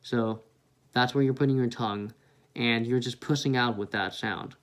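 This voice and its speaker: A man teaching beatboxing in a relaxed, casual way, speaking into a headset mic. He breaks each sound down step by step and demonstrates it himself. His voice sits at an ordinary middle pitch. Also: moderate pace, very noisy. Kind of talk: casual tutorial.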